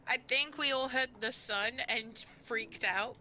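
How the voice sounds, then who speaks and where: A woman playing in a tabletop game, expressive and quick to swear and laugh. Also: fairly high pitch. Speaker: player. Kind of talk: casual tabletop play.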